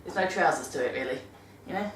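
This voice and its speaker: British woman, deep voice, chatty and self-correcting, distant mic, echoey room. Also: lively intonation, fast, a little hiss or hum. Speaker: vlogger giving dog-care tips. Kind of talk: casual monthly vlog talk. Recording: roomy sound from a distant mic.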